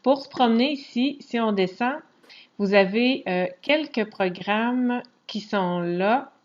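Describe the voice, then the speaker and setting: A woman with a Quebec French accent giving a casual, chatty screen walkthrough tutorial, pausing often to hesitate as she talks. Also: fairly high pitch. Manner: chatty, relaxed, frequent hesitations. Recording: dull lo-fi recording.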